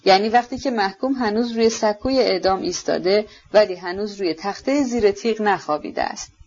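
A gentle young prince speaks with earnest, sincere feeling, as a woman narrator reads him in her own voice. The audio is dull and lo-fi. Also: medium pitch, lightly acted.

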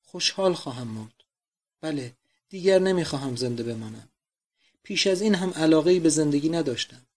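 A man's voice: fairly high pitch, animated, a little mellow. A man voicing a dying old father who pleads feverishly for his daughters. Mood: longing.

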